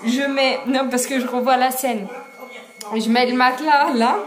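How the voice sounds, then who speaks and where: A woman's voice: high-pitched, fairly even intonation, moderate pace, a crowd in the background. Chatty young woman telling a story. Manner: chatty, laughing often, many fillers. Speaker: vlogger. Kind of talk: casual storytelling vlog.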